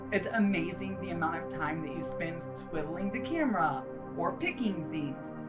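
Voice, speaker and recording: A woman's voice: fairly low pitch, poor audio. A woman hosting a video channel, giving chatty, enthusiastic, emphatic voice-over commentary on a game build in a casual style. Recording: music behind the voice. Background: music.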